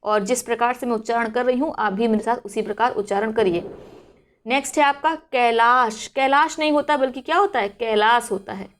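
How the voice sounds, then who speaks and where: A woman's voice: a little high, brisk. A woman teaching exam students, asking questions and then answering them herself as she drills each word. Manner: repeats questions and drills words aloud. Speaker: Hindi exam-prep teacher. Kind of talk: spelling lesson for exam students.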